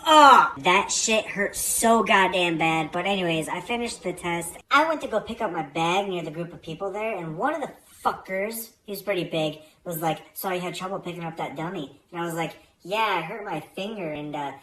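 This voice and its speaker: A woman's voice: fairly low pitch, fairly quick, hardly any pauses, a bit bright, poor audio. A woman telling a story in a casual, blunt way, swearing freely and sounding exasperated.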